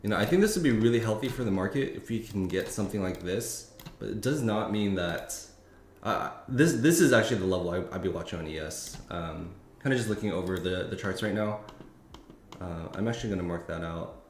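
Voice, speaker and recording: Male streamer, low voice, casual and halting, lots of fillers; roomy echo, keyboard typing behind. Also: lively intonation. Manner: rambling, thinking aloud with many fillers and restarts. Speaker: futures trading streamer. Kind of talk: casual live-stream market commentary. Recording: echoey room with faint noise.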